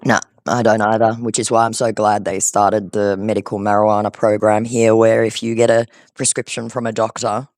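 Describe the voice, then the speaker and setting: On a dry, studio-quality recording, a man with a lowish voice speaks at normal speed with flat delivery and few pauses. He's a scambaiter casually chatting with a scammer on the phone, explaining things in a talkative way.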